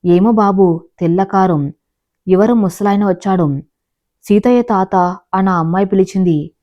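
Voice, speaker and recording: A woman's voice: mid-range voice, measured pace, dull audio, lightly acted. A woman voicing a kindly older aunt, a neighbor in a told story. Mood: puzzled.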